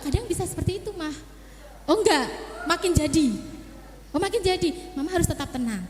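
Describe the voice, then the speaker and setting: A woman's voice: extremely high pitch, animated, brisk, a little mellow, a little hiss or hum. A middle-aged woman, a child psychologist, talking to parents in a seminar, coaching them and acting out little scenes between mother and child. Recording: echoey hall reverb.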